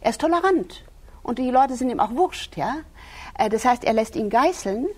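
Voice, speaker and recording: Husky woman speaking earnestly. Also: on the high side, animated, normal speed, a little mellow. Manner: emphatic, retells scripture with quoted voices, frequent "ja?". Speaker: interviewee. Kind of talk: earnest religious discussion.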